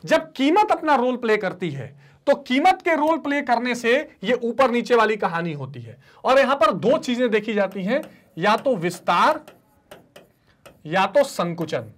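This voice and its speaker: Animated male teacher, call-and-response. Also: very high voice, measured pace. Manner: call-and-response teaching, asks students to repeat terms; voices students' replies to himself. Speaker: economics teacher. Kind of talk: online classroom lecture.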